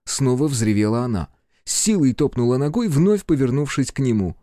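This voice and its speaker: A man narrating a novel chapter as an audiobook in steady storytelling. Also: mid-range voice, a little fast, no echo, clean studio sound.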